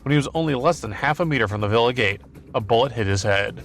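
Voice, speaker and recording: A man narrating an action novel as an audiobook in a steady, even storytelling voice. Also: medium pitch, fast, vocal fry, soft background music.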